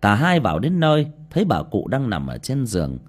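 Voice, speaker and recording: A man narrating a scripted horror story in a dramatic, expressive way. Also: medium pitch, fairly quick. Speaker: audiobook narrator.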